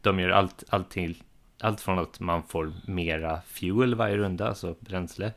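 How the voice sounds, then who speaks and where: A man's voice: deep voice, steady tone, vocal fry, fairly bright tone. A man in his thirties, a podcast co-host chatting casually about board games, hesitant with many fillers and restarts. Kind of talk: casual chat.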